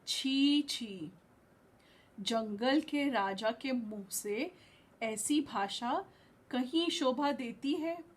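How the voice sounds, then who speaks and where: A woman's voice: sits high, very slow, exaggerated voice. A woman voicing a small, bold female fly that taunts a lion in a storybook reading. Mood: scolding. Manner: defiant, taunting.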